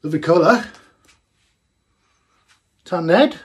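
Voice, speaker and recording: A man's voice: on the high side, big pitch swings, slow pace. A man, chatting casually as he tastes a homebrewed beer in a small home brewing room, thinking aloud with plenty of fillers. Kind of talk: casual tasting vlog.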